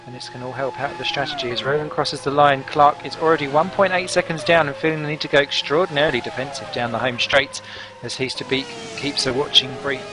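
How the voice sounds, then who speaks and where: A man giving live motorsport commentary as an excitable play-by-play commentator. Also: mid-range voice, fast, over music.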